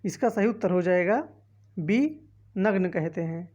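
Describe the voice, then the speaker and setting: A woman's voice: lowish voice, unhurried, darkish tone, lo-fi sound. A woman teacher reading multiple-choice options aloud one by one and explaining each answer, with a north Indian Hindi accent. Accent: Hindi-speaking north Indian. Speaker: exam-prep teacher. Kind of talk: quiz walkthrough lesson.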